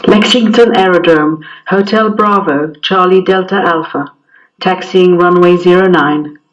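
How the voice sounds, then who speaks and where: Brief: male pilot on a cockpit headset radio, high voice, clipped calls, heard from a distance. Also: fairly even intonation, a little slow, muffled recording. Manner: clipped, formulaic radio phrasing. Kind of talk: demonstrating aviation radio calls.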